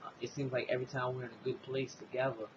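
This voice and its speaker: A man's voice: medium pitch, little pitch movement, fast. A man chats through a comic book review in a loose, rambling way, leaning on fillers as he retells the story. His voice sits in an ordinary middle range. The audio is muffled and lo-fi, with noticeable noise underneath.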